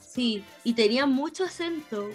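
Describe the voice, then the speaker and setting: Young chilean girl chatting, lots of slang, highish voice, faint music behind. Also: expressive, moderate pace. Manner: slangy, chatty, wanders off on tangents. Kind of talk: casual chat.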